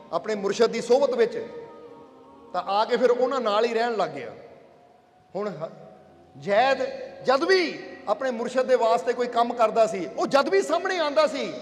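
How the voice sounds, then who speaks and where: Man, preacher, very high voice, sermon storytelling, long hall reverb. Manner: storytelling, asks the listeners if they understand. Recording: echoey hall with faint music.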